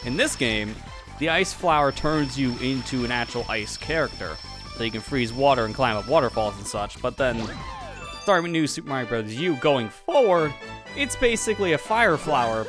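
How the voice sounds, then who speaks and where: Man with animated game commentary. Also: mid-range voice, moderate pace, over music. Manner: jokey, explains game details. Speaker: let's play commentator.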